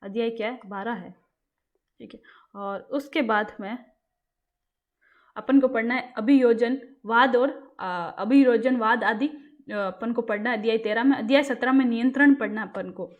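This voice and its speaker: A woman's voice: a little high, a little slow, narrow, tinny audio. A woman teaching exam-prep material in a casual lecture. She quizzes her listeners and answers herself. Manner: repeats questions to the class and answers them herself.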